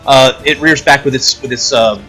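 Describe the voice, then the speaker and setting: Male game master, mid-pitched, halting descriptive tabletop narration, music underneath. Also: fairly even intonation, sharp tone.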